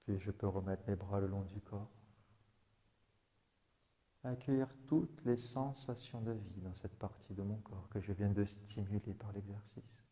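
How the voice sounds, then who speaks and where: Calm low-voiced man guiding relaxation. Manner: slow, calm instructions in first person. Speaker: relaxation guide. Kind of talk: guided body-awareness exercise.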